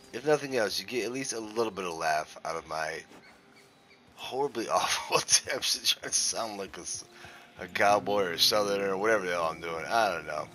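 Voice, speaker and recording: A man's voice: low voice, pushed and bright. Rambling, casual male gaming host. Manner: rambling, casual, mildly profane. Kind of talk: gameplay commentary.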